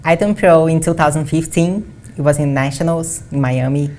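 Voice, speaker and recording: Low-voiced young woman. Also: moderate pace, a little mellow. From Brazil. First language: Portuguese. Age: 20s. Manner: earnest, often says "like". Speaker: guest athlete. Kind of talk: conversational interview. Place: studio.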